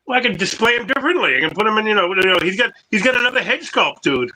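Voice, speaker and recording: A high, bright male voice comes through a phone mic that clips and distorts on every line, even when he talks quietly. He chats casually as co-host of a collectibles show. He rambles and keeps restarting his sentences. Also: racing. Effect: clipping, distorted phone mic. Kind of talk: casual online show chat.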